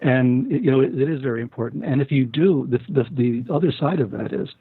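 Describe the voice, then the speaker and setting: A man's voice: mid-range voice, quick pace, slightly rough, no room sound. An older man talking as a guest, telling stories at length with many fillers and restarts. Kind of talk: casual interview talk. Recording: tinny phone-line sound.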